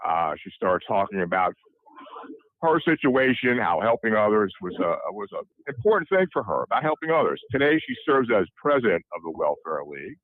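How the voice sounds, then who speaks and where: A man hosting a podcast interview, introducing his guest in a warm, halting way with many fillers. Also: on the low side, no room sound, phone-quality sound. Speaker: interview host.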